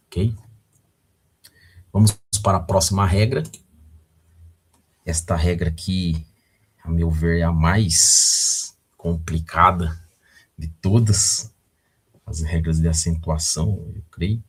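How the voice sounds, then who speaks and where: A male teacher with a Brazilian Portuguese accent gives a recorded video lesson in a low, husky voice. He talks slowly and patiently, often stopping to check in with the viewer.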